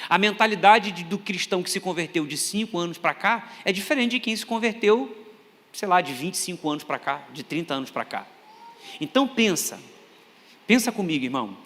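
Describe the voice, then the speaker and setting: A high-voiced, quick-talking Brazilian pastor in middle age, preaching with animated humor. His voice rings through a large church hall with long reverb, picked up by a handheld mic. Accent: Brazilian Portuguese. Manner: animated, joking, acts out voices in anecdotes. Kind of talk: humorous sermon storytelling.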